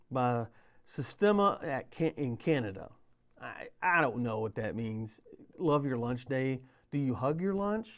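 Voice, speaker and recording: A middle-aged man with a drawl hosts a small-town community show. He talks in a loose, rambling way, drifting into jokey asides as he goes. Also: a little high. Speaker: local show host. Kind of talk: casual chat.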